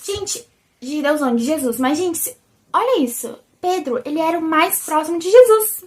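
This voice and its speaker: Talking at a normal speed, a young woman with a Brazilian accent and a high, squeaky, almost childlike voice hosts a chatty religious vlog. She's lively, keeps turning toward her viewers, and often calls them "gente."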